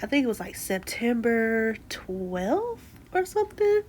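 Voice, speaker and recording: A woman's voice: fairly high pitch, a little slow. A woman vlogger telling a personal story in a chatty way, acting out what people said. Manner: animated, acts out quoted dialogue; chatty with frequent fillers and restarts.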